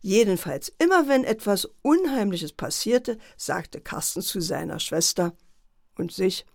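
A woman reading a children's story aloud as storyteller, expressive and animated. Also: mid-range voice, measured pace, vocal fry, dry recording, studio quality.

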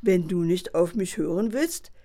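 A woman's voice: on the low side, a little slow, warm tone. A sly, smug storybook fox, as a woman reads him. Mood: sly, scheming. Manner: wheedling, feigned innocence. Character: sly scheming male fox, cunning and smug.

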